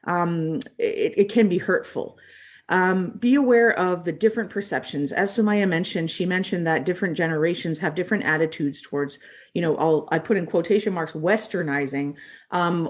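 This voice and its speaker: A woman born in the United States, a refugee services trainer, giving a training talk in an earnest, conversational way with many fillers. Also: fairly low pitch.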